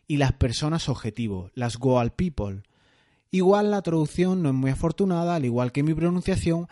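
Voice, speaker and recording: Man hosting a podcast, mellow voice. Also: on the high side. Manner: explanatory, conversational, with occasional fillers. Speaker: podcast host. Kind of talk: solo productivity podcast.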